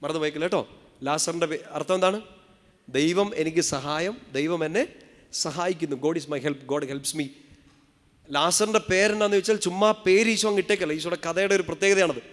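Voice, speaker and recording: A man's voice: a little high, fairly quick. A male priest preaching a rousing sermon at a convention, calling the crowd to respond and quizzing them playfully. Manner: rousing, calls the crowd to say hallelujah. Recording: hall reverb.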